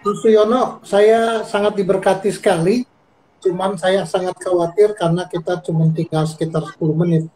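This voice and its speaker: Seorang pria pembawa acara berbincang santai dan antusias dengan tamunya. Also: male voice, high voice, steady tone, normal speed, warm tone, poor audio. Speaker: talk show host. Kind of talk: casual interview chat.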